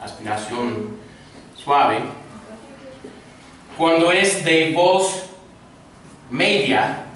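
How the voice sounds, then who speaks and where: Slow, patient male Greek teacher in an echoey room. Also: a little high, animated, a bit bright. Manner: slow, patient drilling with repeat-after-me prompts. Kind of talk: classroom grammar lesson. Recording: echoey room, mic far off, faint noise.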